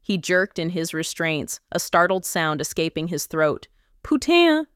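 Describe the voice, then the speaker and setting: Brief: woman narrator, low and smooth, measured and commanding, erotic audiobook reading. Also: steady tone, a bit bright, no echo, clean studio sound. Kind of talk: scripted first-person erotic story narration.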